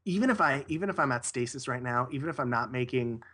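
A man's voice: mid-range voice, lively intonation, fast talker, bright, forceful tone. A man talking casually as an interview guest, rambling and correcting himself as he goes. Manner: rambling, self-correcting, with frequent restarts.

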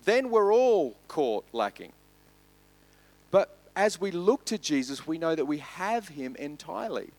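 Man preaching, loud lists and soft drops. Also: a little high, sing-song. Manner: emphatic, rising loud on lists, dropping soft and slow on key points. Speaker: pastor. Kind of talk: sermon.

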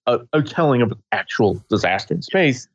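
A man co-hosting a casual film discussion, rambling with halting restarts, on a dull lo-fi recording. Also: medium pitch, very animated, slight background noise.

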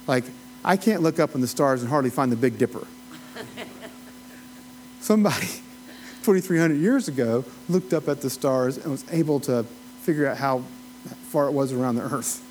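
A man's voice: medium pitch, normal speed, long pauses, a little mellow, a little hiss or hum, low-quality recording. A man with an Appalachian accent teaching a Bible study in a conversational, folksy way, with rambling asides and questions to his listeners. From Appalachia, United States. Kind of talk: informal teaching, conversational lecture.

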